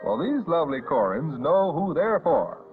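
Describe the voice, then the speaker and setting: A man's voice: fairly high pitch, big pitch swings, moderate pace. An American man reading scripted 1950s newsreel narration in an announcer's delivery. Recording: muffled vintage newsreel audio, phone-like band. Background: loud background music.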